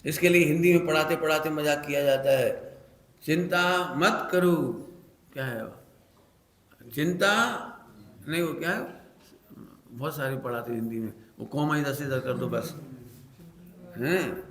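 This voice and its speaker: Male preacher, slightly high voice, teaching a congregation with playful acted examples, echoey hall. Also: moderate pace, pauses often. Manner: playful teacher, acts out examples, sings short lines. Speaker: Jain preacher.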